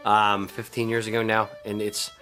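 A man's voice: fairly low pitch, monotone, moderate pace, pushed and bright, faint music behind. Man rambling through a casual story. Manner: rambling storyteller with frequent ums and teasing asides. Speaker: podcast co-host. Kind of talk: casual chat.

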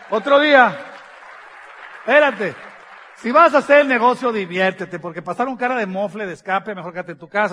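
A man with a high voice speaks to an audience as a business speaker. He tells anecdotes with lively humor. He acts out the exchanges and laughs along.

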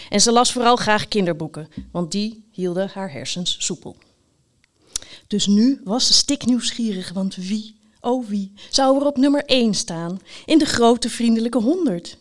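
A woman narrating a children's story in a lively, playful way with dramatic pauses. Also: fairly high pitch.

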